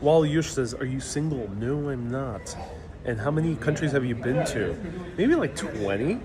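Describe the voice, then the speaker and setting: A sing-song, medium-pitched man speaks at a normal speed as he hosts a casual travel Q&A live from New York City. Reading viewer comments aloud, he answers in a joking, easygoing way, and the phone livestream mic picks up chattering crowds nearby.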